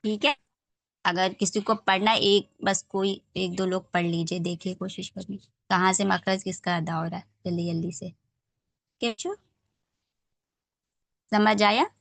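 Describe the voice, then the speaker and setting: A woman's voice: medium pitch, steady tone, measured pace, creaky, long pauses, a bit bright, dry recording. A woman teaching children Quran pronunciation in an online class, patient and often checking that they understand.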